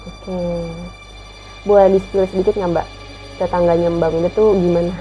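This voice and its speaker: A woman's voice: fairly low pitch, level tone, normal speed, dark tone, faint music behind, poor audio. A woman host interviewing a guest, with short prompting replies and frequent okays. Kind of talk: interview talk show.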